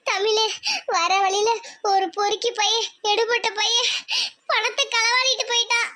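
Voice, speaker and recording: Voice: extremely high pitch, little pitch movement, measured pace, pushed and bright, a little hiss or hum, heavily acted. A performer voicing a distraught middle-aged village mother who wails and sobs in a cartoon. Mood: weeping. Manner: wailing, sobbing lament. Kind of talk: cartoon voice acting.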